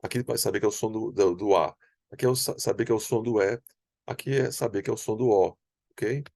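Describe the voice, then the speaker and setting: A man teaching a language lesson from slides, explaining step by step and slowly repeating example words. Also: on the low side, vocal fry, darkish tone, dry recording, studio quality.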